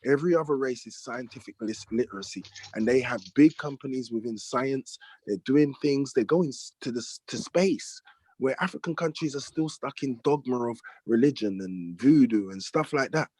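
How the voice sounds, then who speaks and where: A man's voice: medium pitch, normal speed, a little mellow, husky, no room sound. Earnest man debating, dry sound. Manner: earnest, stammering restarts. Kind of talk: heated debate.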